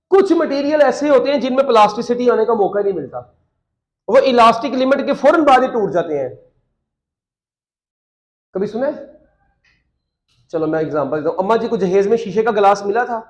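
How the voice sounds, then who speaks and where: A man's voice: high-pitched, reverberant, poor audio. A man teaching a physics class, joking and quizzing students with repeated questions.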